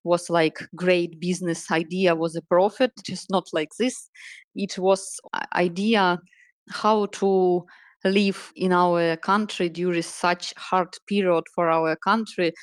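A Ukrainian woman in her thirties, a salon owner and project manager, answering interview questions in careful, halting English with many pauses. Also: lowish voice, clean tone, dry recording. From Ukraine, Donetsk region. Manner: earnest, halting non-native phrasing with many pauses.

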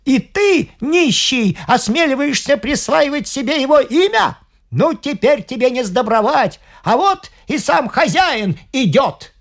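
A reader doing a loud brutish servant man. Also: sits high, lively intonation, a little slow. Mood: jeering. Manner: shouting, boorish, jeering. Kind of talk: audiobook reading.

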